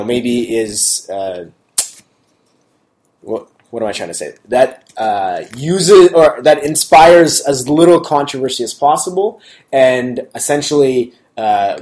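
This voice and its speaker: A man's voice: mid-range voice, a little mellow. A man co-hosting a podcast in casual chat, hesitant and searching for words, laughing often.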